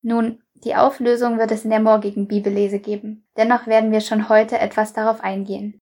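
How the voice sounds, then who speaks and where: A woman reading a Bible passage aloud and then commenting on it in a measured, scripted devotional. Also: mid-range voice, flat delivery, a little mellow. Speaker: Bible reader and devotional speaker.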